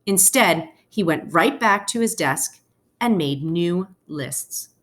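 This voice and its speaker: A woman teacher reads a picture book aloud for children, her narration deliberate and full of pauses. Her pitch is fairly low and her intonation lively.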